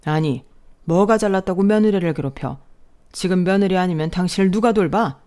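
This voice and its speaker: A woman voicing a blunt older father-in-law who scolds loudly in a radio drama. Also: low voice, steady tone, fairly quick, lightly acted. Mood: scolding.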